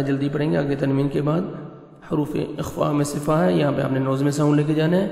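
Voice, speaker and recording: A man with a fairly high voice teaches Quran recitation, walking through letter sounds step by step. His voice rings out in a roomy space with a long echo, and soft music sits faintly behind him. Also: vocal fry. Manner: slow drawn-out chanted recitation between brisk explanations.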